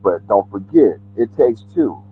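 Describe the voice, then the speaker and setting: A man's voice: on the low side, sing-song, measured pace, husky. A middle-aged man talking in a laid-back, candid way over a call, his voice muffled as if heard through a wall. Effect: muffled, as if heard through a wall, from earbuds on a call. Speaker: family member calling into a talk show. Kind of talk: casual chat. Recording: muffled phone-like call audio.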